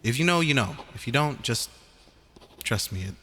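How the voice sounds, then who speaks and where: A man's voice: medium pitch, expressive, normal speed, pushed and bright. A man playing a weary, wry young survivor in a first-person audio journal drama, hesitant, confiding and informal. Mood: wry, reflective. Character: young Filipino male zombie survivor, weary, wry, self-deprecating.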